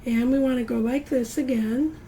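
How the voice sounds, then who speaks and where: A woman's voice: high-pitched, fairly even intonation, normal speed, warm tone, a little hiss or hum, rough recording. A middle-aged woman giving a patient, encouraging step-by-step drawing lesson to children, counting aloud and sometimes dropping to a whisper. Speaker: art teacher.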